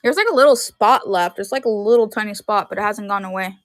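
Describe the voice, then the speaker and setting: A woman's voice: medium pitch, quick pace, dry recording, clean studio sound. A woman in her thirties chatting casually and rambling on a live stream from her room at home, filling her talk with "like". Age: 30s. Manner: rambling, heavy use of "like".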